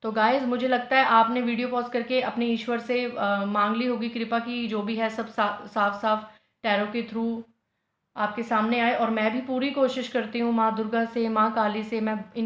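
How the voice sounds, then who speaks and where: A woman's voice: a little high, fairly bright tone. A woman reading tarot piles in a casual video, earnest and pleading, mixing English phrases into her talk. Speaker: tarot reader. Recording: echoey, dull lo-fi room sound.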